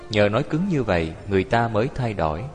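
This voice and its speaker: A man's voice: fairly low pitch, big pitch swings, quick pace. A man giving a Buddhist dharma talk as a lay teacher, telling stories and acting out the people he quotes. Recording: long hall reverb with faint music.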